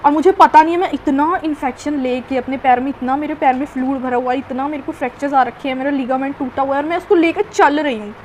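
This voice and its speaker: High-voiced young woman telling a storytime. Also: quick pace, few pauses, a little hiss or hum, poor audio. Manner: chatty, animated retelling with many fillers. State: recovering from knee injury. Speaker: vlogger. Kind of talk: casual storytime vlog.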